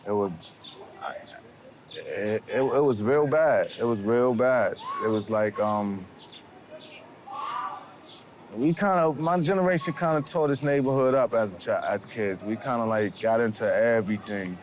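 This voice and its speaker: A lower-voiced man speaks in a documentary interview. He talks haltingly, restarting and repeating words as he looks for them. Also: expressive, a little hiss or hum. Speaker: interviewee, local resident.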